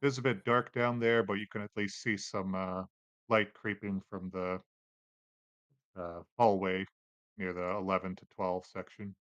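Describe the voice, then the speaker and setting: A man narrating a tabletop game as game master, relaxed and halting, with many fillers. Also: low-pitched, dry recording, muffled recording.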